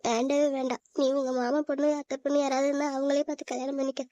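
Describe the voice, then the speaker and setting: A woman's voice: high voice, level tone, fast talker, dark tone, no echo, highs cut off, close to an everyday voice. A woman voicing a lovesick, tearful young woman in a cartoon, plaintive and sulky. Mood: hurt. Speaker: voice actor. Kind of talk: cartoon voice acting.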